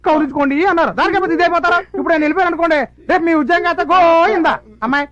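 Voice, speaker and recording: An actor playing a fawning, meddling police constable who talks like a wheedling go-between. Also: male voice, very high voice, rapid-fire, a bit bright, no room sound. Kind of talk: Telugu film comedy acting. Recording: dull film soundtrack.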